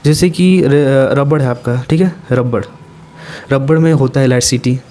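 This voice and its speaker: A man giving a casual exam-prep vocabulary lesson, talking in a lively, playful way with chatty asides. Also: medium pitch, normal speed. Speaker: vocabulary teacher.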